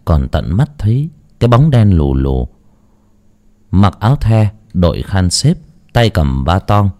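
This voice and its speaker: Low-voiced male horror storyteller. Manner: dramatic, drawn-out, expressive.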